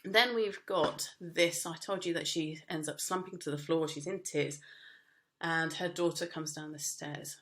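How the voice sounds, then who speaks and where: A woman's voice: low voice, fairly even intonation, measured pace, fairly bright tone, a little hiss or hum. A woman teaching a media studies lesson, explaining casually with frequent fillers and restarts. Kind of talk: recorded lesson.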